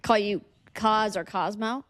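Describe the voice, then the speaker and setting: An American radio personality co-hosting a podcast chats and tells stories in a joking, teasing way. Her medium-pitched voice is steady and a bit bright, delivered at a measured pace in clean studio sound with no echo.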